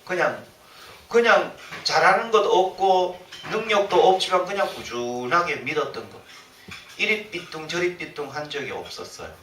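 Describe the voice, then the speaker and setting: A man's voice: fairly high pitch, normal speed, slight background noise. A male pastor preaching a sermon, acting out the complaints of the people he quotes. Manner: animated, acts out quoted complaints. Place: church sanctuary. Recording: roomy church sound from a distant mic, faint ambience.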